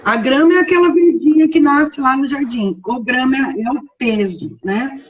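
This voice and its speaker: A woman's voice: high-pitched, moderate pace, recorded from a distance, highs cut off. A woman teaching grammar in a live online lesson, explaining step by step and checking in with her listeners often. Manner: explanatory, frequent checking tags.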